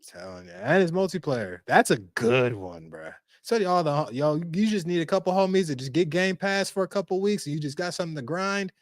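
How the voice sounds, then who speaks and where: Man, gaming podcast co-host, casual slangy chat, lively swooping pitch, dry close sound. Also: brisk, few pauses, no echo. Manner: animated, slangy, laughs often.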